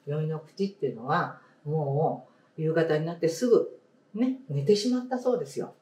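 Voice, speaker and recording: A woman teacher leading a read-aloud lesson, speaking slowly and emphatically, repeating key words and asking the class questions. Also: sits low, warm tone. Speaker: primary school teacher. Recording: roomy sound, distant mic.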